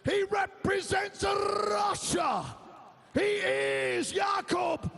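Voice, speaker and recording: A man announcing fighters in classic boxing ring announcer style, stretching out names with booming, drawn-out delivery. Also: fairly even intonation, vocal fry, fairly bright tone, raised voice. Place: large fight arena. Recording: long hall reverb over the PA.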